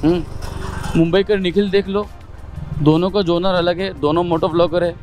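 A man's voice: sits high, fairly even intonation, moderate pace, a little mellow, faint music behind. A young man talking casually to camera as a motovlogger, explaining his points one by one with rhetorical questions. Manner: explains in numbered points, mixing English words; chatty, asks rhetorical questions.

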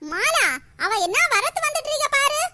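A woman voicing a loud, sharp-tongued village woman in a cartoon, scolding and sarcastic. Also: extremely high pitch, sing-song, a crowd in the background. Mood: angry. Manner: scolding, sarcastic, rapid complaints. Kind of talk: animated cartoon voice acting.

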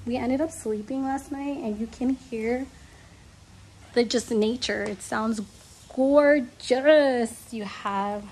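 A young woman with a fairly high voice gushes her way through a casual room tour, recorded on a handheld phone. A steady layer of background noise sits under her voice as she moves from room to room and out onto an open terrace. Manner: gushing, enthusiastic. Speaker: travel vlogger. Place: villa rooms and outdoor terrace. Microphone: handheld phone camera.

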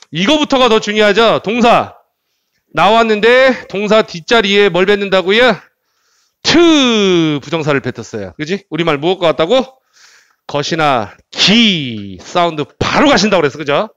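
Man, English teacher, classroom lecture, high voice, lively swooping pitch, repeats words, asks questions, dry close sound. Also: no room sound.

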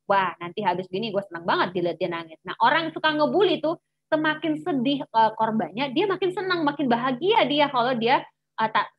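A woman's voice: fairly high pitch, a bit bright, husky, dry recording, rough recording. A woman teacher giving a chatty informal lesson to teens, full of fillers and acted-out taunts. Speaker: teacher giving an anti-bullying talk.

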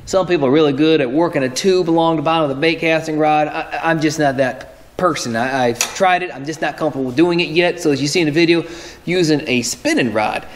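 Speaking briskly in a fairly high voice over slight background noise, a thirty-something fishing host walks the camera through his methods. He's casual and explanatory, fixes his own wording as he goes, and is filmed up close in an indoor tackle room lined with lures.

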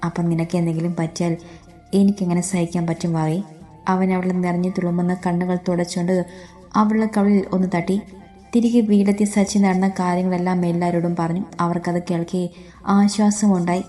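A woman reading a story aloud as narrator in a steady, even way. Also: fairly low pitch.

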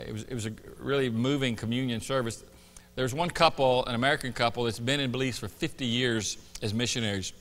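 A man's voice: lowish voice, fairly bright tone. A middle-aged man giving a conversational church sermon as a pastor. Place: church sanctuary stage. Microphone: lapel. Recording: long hall reverb.

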